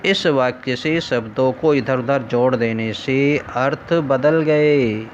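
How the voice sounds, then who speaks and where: A man teaching in a slow, unhurried way, laying out each point carefully and stopping to ask his students questions. His voice sits at an ordinary middle pitch. The recording is dull and lo-fi, with faint traffic in the background. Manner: slow, measured explaining with rhetorical questions. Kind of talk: recorded lesson.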